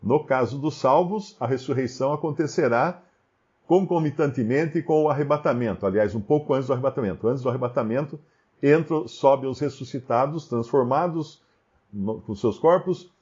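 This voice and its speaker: A man giving casual, animated Bible commentary, firing off rhetorical questions. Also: medium pitch, normal speed. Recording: dull lo-fi recording.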